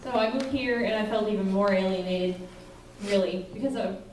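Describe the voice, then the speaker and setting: A woman's voice: mid-range voice, moderate pace, darkish tone. Laughing woman from Wisconsin, distant echo. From Wisconsin, USA. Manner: laughing, self-deprecating. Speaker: fan meetup member sharing her story. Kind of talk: casual spoken testimony to a group. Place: indoor meeting room with a group. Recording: echoey room, distant mic, noisy crowd.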